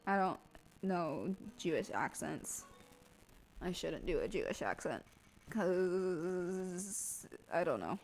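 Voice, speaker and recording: A woman game streamer making casual, low, mumbled asides to her audience. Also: a little mellow, low-quality recording. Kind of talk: casual live-stream chat.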